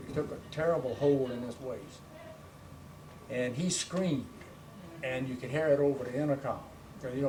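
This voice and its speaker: An elderly male veteran looks back on his wartime service. He speaks plainly and conversationally, as one remembering. The microphone is some way off, with clear noise around him. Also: mid-range voice, a little mellow. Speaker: war veteran, interviewee. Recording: noisy room, distant microphone.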